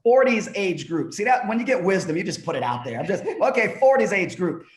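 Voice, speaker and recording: Upbeat high-voiced man in his fifties. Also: sing-song, brisk, reverberant. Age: 50s. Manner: upbeat, encouraging, teasing. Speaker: bishop hosting a singles discussion. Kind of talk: casual group chat. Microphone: video call.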